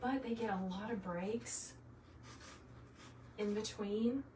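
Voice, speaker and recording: Her voice is medium-pitched, slow, and darkish in tone. She's a middle-aged Southern US woman from South Carolina, hosting a craft tutorial livestream and chatting folksily and casually with viewers. A distant mic gives a roomy sound, with faint noise.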